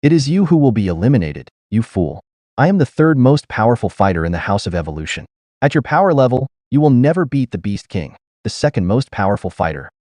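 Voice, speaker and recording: A man voicing a boastful male cyborg gorilla monster who quickly turns cowardly and pleads. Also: mid-range voice, very animated, mellow, no echo, studio quality.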